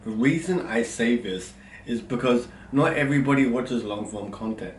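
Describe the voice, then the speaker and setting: A man with a slight stutter walks through tips in an instructional vlog, speaking loudly and deliberately at a middle pitch. His voice sounds roomy and a little set back from the mic, with faint ambience underneath. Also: distant mic, a little hiss or hum. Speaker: content creator giving tips. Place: room at home with a window.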